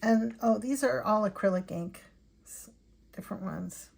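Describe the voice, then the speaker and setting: A tired woman hosting an art channel, chatting softly and thinking aloud while she swatches paints at home. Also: medium pitch, gravelly, slightly rough. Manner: soft-spoken, unhurried, thinking aloud.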